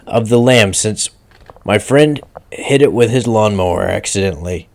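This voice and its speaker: A man improvising a parody radio sales pitch as a pitchman, with deadpan salesman patter. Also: normal speed, vocal fry, a little hiss or hum.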